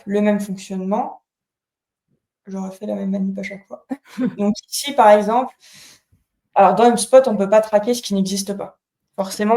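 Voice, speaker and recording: A woman giving a live webinar software demo, explaining step by step with many fillers and restarts. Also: mid-range voice, roomy sound. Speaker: product co-founder demoing software in a webinar.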